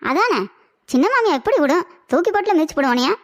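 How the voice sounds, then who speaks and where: A woman voicing a loud, teasing young friend who shouts at a half-deaf old man, in a cartoon comedy. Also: very high voice, very animated, quick pace, soft background music.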